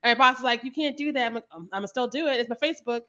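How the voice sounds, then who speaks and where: Woman guest, higher bright voice, laughs a lot, lo-fi remote sound. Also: rapid-fire. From Kansas City, Missouri, US. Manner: laughs often, animated storytelling. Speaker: podcast guest, playwright. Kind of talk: casual podcast chat.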